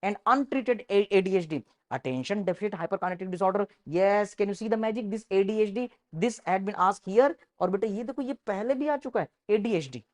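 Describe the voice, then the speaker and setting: A woman teacher with an Indian English accent runs an online exam-prep class, moving between Hindi and English. She speaks at an unhurried pace and keeps repeating the important points with emphasis. Her pitch sits in an ordinary middle range. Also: expressive, darkish tone. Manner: emphatic, repeats key points, addresses students as "beta". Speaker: medical entrance exam teacher.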